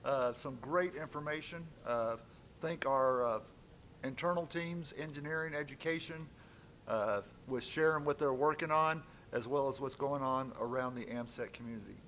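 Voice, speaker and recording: A man's voice: medium pitch, moderate pace, fairly bright tone, a little hiss or hum. Friendly man addressing a meeting. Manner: friendly, lightly joking, off-the-cuff. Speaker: presenter opening a members' meeting. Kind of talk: public address at a conference. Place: conference meeting room.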